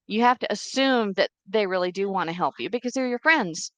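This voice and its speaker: As a guest on a podcast interview, a middle-aged woman whose native tongue is Czech recounts her story in an earnest, steady manner, bringing in quoted voices. Her medium-pitched voice moves fairly quickly over a dry recording.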